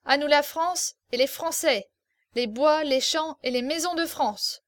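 A woman reading aloud voices an arrogant young male officer who sneers and boasts loudly. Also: high voice, a little slow, no echo, voice pushed up. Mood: toasting. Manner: loud, sneering, laughing.

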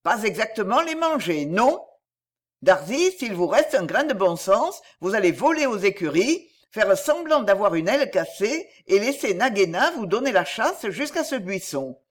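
A woman doing a brisk, brave mongoose hero. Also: mid-range voice, very animated. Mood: determined. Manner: brisk and determined.

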